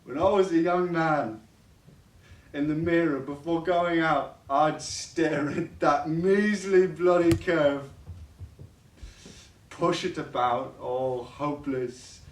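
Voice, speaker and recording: An actor plays a drunken old father who wheedles, stammers and turns spiteful, dragging his words out slowly. His voice sits a little high for a man. The stage is echoey and heard from a distance. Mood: bitter. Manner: rambling, stammering, repetitive pleading. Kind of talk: stage play acting. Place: college theater stage. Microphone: distant room microphone. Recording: echoey stage recorded from far off.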